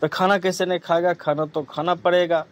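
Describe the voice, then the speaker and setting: A man's voice: sits high, level tone, a little fast, pitched above the performer's own voice, natural voice. A man storytelling as a doting mother who insists her son eat. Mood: insistent. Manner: coaxing, insistent. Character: doting middle-aged mother.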